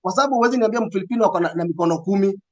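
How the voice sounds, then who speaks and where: A man's voice: high voice, very fast, dull audio. A man with a Kenyan accent giving interview answers in casual, code-switching talk, earnest and emphatic, repeating phrases for stress. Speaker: recruitment agency representative, interview guest.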